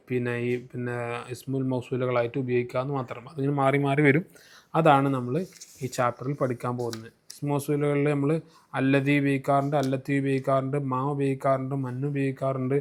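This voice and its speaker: A man teaching Arabic grammar in a recorded lesson, slowing down to spell out terms and repeating key points. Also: mid-range voice.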